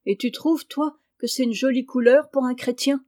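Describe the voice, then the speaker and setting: A woman voicing a rough farmhand who mocks a boy with scornful jokes. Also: high voice, fairly even intonation, normal speed, darkish tone, no room sound, clean studio sound, pitched above the performer's own voice, natural voice. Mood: mocking. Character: mocking rough farmhand, adult man.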